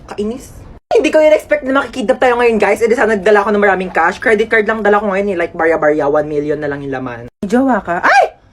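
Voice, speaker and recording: A woman's voice: mid-range voice, fast. A woman acting out comedy skits alone, switching between characters and mixing Tagalog with English. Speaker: comedy skit creator. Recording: noisy background hiss.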